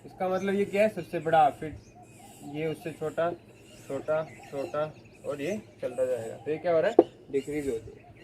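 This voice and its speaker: A man's voice: a little high, normal speed, heavy background noise. A man teaching a math lecture, explaining step by step and often asking his students questions. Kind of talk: classroom lecture.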